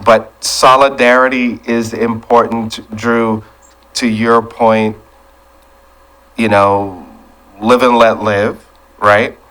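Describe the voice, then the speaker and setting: A man's voice: mid-range voice, level tone, slow pace, pauses often, fairly bright tone, poor audio. A man hosting a casual culture podcast, talking in a laid-back, reflective way and steering the conversation. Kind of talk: casual chat.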